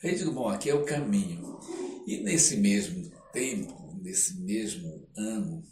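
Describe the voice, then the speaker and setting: A lowish, slightly mellow male voice with lively intonation and an unhurried pace belongs to an older Brazilian-accented podcast guest, a theatre artist and writer. In casual, animated storytelling, he acts out the lines of others and frequently adds short tag questions. The recording carries roomy echo and faint noise from a distant mic.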